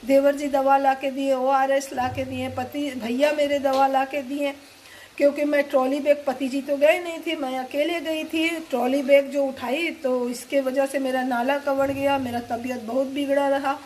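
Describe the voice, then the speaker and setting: A woman's voice: sits high, little pitch movement, moderate pace, darkish tone, a little hiss or hum. A middle-aged woman vlogger with a cold and fever, chatting and telling a rambling story to her viewers as friends. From eastern India. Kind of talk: casual storytelling to camera.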